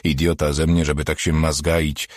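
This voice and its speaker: A man's voice: a bass voice, level tone, normal speed, no echo, studio quality. A man playing a wry, self-mocking police detective. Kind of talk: audiobook character voice.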